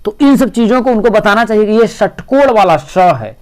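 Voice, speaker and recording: A man's voice: high voice, animated, normal speed. A male teacher giving an exam-prep lecture, explaining step by step and repeating "see" often.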